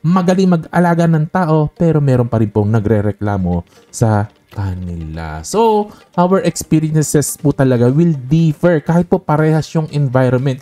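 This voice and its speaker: A man's voice: a little high, warm tone. A man hosting an investing channel, talking casually to camera with a frequent tag question and English phrases mixed in. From Philippines.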